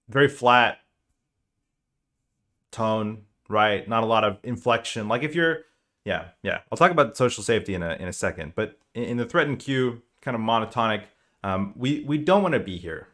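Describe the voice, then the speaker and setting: A man giving a casual spoken lecture as a team coach, explaining in a conversational, animated way. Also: medium pitch.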